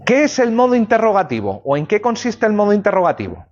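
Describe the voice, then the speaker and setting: A man's voice: sits high, wildly swooping pitch, quick pace. A male law lecturer giving a university class, explaining ideas with everyday examples and checking in with students. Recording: dull lo-fi classroom recording.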